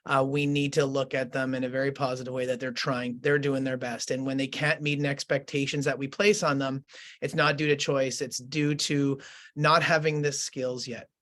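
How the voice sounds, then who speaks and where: A man, a school principal telling a story in conversation, earnest and halting, with many fillers and restarts. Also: medium pitch, flat delivery, a bit bright.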